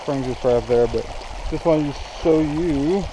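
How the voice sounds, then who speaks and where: An outdoor vlogger in his thirties hikes a rocky mountain creek bed by flowing springs, filming himself with a handheld action camera held at arm's length. His slightly high voice keeps a moderate pace as he chats relaxedly, addressing viewers directly. The camera audio clearly captures running water and wind.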